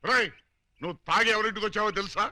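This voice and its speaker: An actor in a Telugu comedy film playing an indignant boss who sputters quick retorts. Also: male voice, high-pitched, bright, forceful tone, dry recording, studio quality.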